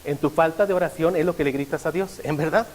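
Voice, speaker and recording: Pastor preaching, questioning the congregation. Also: male voice, fairly high pitch, fast, long reverb tail, a little hiss or hum, poor audio. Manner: asks the congregation frequent rhetorical questions. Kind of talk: sermon.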